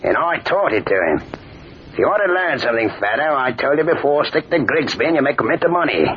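A man's voice: mid-range voice, sing-song, fast, close to an everyday voice. A man playing a jovial, boastful master thief who talks heartily and swaggers. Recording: dull old radio recording, faint hiss.

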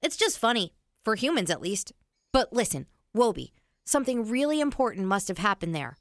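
A woman voicing a sensible young boy in a family audio drama, calmly explaining things. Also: medium pitch, a little fast, dry recording, studio quality. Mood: patient. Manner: calm, explains things gently.

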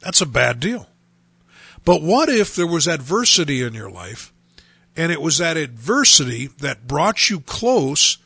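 Earnest gravelly preaching man. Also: fairly high pitch, pushed and bright, no echo. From United States. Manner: earnest, emphatic, repeats and restarts phrases. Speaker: pastor and radio show host. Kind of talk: preaching on a radio talk show.

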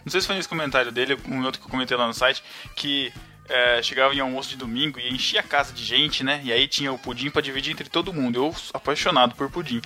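A man co-hosting a casual chat podcast, telling animated stories and laughing often. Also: mid-range voice, fast, hardly any pauses, faint music behind. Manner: animated storyteller, laughs often, says "cara". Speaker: podcast co-host.

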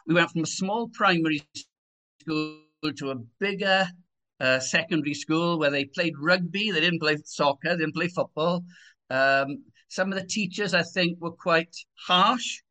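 A man in his sixties with a Swansea Welsh accent speaks as a guest in a conversational interview. His voice sits a little high for a man and has a clearly bright, forward edge. He talks in a personal, testimonial style. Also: a little slow, poor audio. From Swansea, Wales. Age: 60s.

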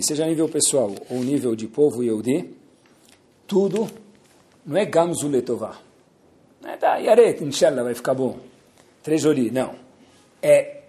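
A man giving a sermon in the manner of an animated storyteller, acting out the voices in his parable with big jumps in pitch. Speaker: religious teacher.

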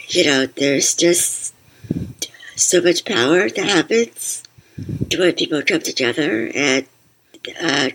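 A woman with a husky, breathy voice, hosting and interviewing on a podcast. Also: sits low, fairly bright tone, a little hiss or hum, low-quality recording. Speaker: podcast host.

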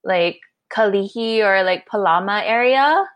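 A woman's voice: medium pitch, unhurried, fairly bright tone. A woman from Hawaii hosting a podcast, chatting in a friendly, casual way with fillers. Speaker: podcast host.

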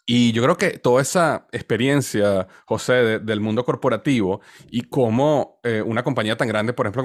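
Here a fortyish man with a Venezuelan Spanish accent gives a conversational interview answer as a podcast guest, sharing his story. His voice is lowish, and he hesitates, often repeating words as he searches. The audio is studio quality with no echo.

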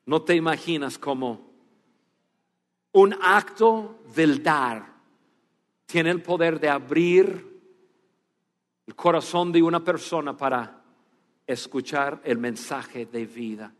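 Pastor, high tenor, earnest storytelling sermon, recorded with hall reverb. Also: male voice, slow, pauses often. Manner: animated storytelling, then hushed and earnest. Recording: long reverb of a church hall.

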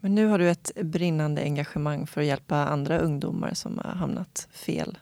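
Woman interviewer, lowish voice, mellow tone, short calm questions. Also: gravelly, no echo.

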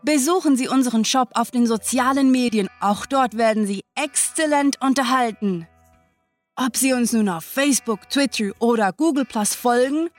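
A woman with a fairly high voice rattles off a playful, over-the-top shopping-channel sales pitch. Her delivery is bubbly and hyped up, every offer sold as a bargain. Faint music plays underneath. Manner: bubbly, exaggerated salesy hype. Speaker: podcast host.

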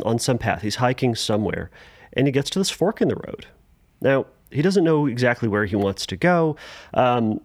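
A man hosting a solo podcast, talking casually with restarts and fillers and sudden lively jumps in pitch. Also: no room sound. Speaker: podcast host.

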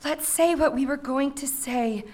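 A woman's voice: high voice, a little slow, darkish tone. A woman playing a cheerful young woman who giggles and talks playfully in a sing-song way.

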